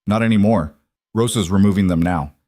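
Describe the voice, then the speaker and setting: A man's voice: on the low side, brisk, mellow, dry recording, clean studio sound, natural voice. A man reading the lines of a young mafia boss husband, tense, clipped and firm. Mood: strained.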